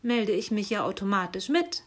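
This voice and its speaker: Eager cheeky young apprentice, quick replies, a woman doing him in a storybook reading. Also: medium pitch, very animated.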